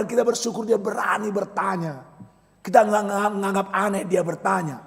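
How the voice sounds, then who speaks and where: A man from Indonesia, a pastor, preaching a church sermon with lively storytelling and sudden loud bursts. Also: medium pitch. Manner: animated storytelling with sudden loud outbursts and laughter. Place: church hall. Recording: long hall reverb.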